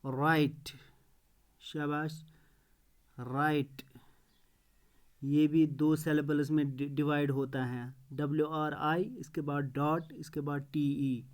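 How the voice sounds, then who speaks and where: A man's voice: on the high side, little pitch movement, slow pace, long pauses. A male teacher explaining a classroom lesson, repeating words and spelling them out letter by letter, praising students in passing.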